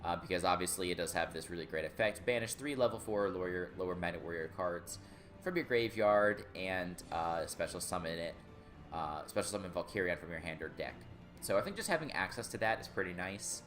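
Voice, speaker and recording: Low-voiced man casually explaining a deck. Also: a little fast, soft background music. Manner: relaxed, many uh fillers, explains card combos. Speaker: gaming YouTuber.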